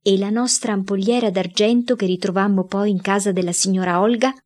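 A woman voicing an indignant mother who shouts and scolds her son in a read-aloud story. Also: medium pitch, steady tone, fairly quick, natural voice. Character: scolding, shrill-voiced mother.

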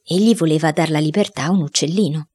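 A woman's voice: sits low, fast, dark tone, slightly rough. A woman reading a storybook, voicing a good-hearted lawyer who argues a boy's case eloquently. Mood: persuading. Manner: eloquent, pleading.

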